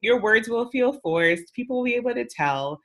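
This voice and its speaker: A woman's voice: fairly high pitch, animated, moderate pace. A middle-aged woman talking casually on a podcast about social media platforms, emphatic and chatty, with many fillers.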